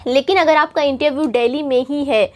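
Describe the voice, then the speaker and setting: A woman from India teaching a spoken English lesson, patient and repetitive, stretching out her English example phrases slowly. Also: high-pitched, fairly even intonation. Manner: patient, repeats points for students.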